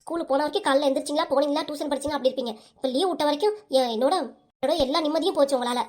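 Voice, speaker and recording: A woman's voice: sits high, very fast, a little mellow, close to an everyday voice. A woman voicing a short-tempered young mother who nags and scolds, with a southern Tamil accent. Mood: scolding. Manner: nagging, scolding.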